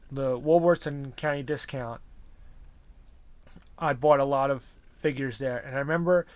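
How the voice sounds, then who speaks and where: A man's voice: medium pitch, dry recording. Rambling man reminiscing to camera. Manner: rambling, with many restarts and asides. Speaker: toy collector vlogger. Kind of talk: casual reminiscing monologue.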